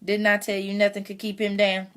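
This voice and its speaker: A woman reading aloud voices a kindly older farmhand who talks gently and plainly. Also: mid-range voice, monotone, fairly quick, smooth, pitched above the performer's own voice, natural voice.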